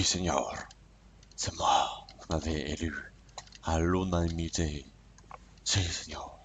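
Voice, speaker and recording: Casual gamer man on a cheap mic. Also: deep voice. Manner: casual and profane, joking, mutters to himself while playing. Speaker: gamer showcasing a mod. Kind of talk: casual gameplay commentary. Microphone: cheap desk microphone. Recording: cheap mic with faint background noise. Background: keyboard clicks and typing.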